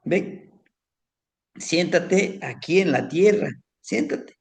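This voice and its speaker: A man voicing a gentle young girl healer. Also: high-pitched, lively intonation, extremely slow, creaky, heavily acted. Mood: soothing. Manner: soothing, coaxing with diminutives.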